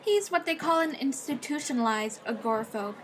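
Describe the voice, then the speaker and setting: A woman's voice: sits high, expressive, fairly quick, a little hiss or hum. A woman playing a brash, tough schoolgirl vigilante in a comic dub, matter-of-fact and foul-mouthed. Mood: cocky, eager. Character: brash, tough schoolgirl vigilante, fiercely devoted to late father. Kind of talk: comic dub narration and dialogue. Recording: music behind the voice.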